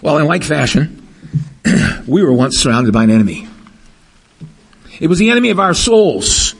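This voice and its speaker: A man's voice: fairly high pitch, big pitch swings, moderate pace, gravelly, husky. A middle-aged man preaching a sermon, emphatic, often repeating words and asking the congregation questions. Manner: emphatic, repeats words while building a point.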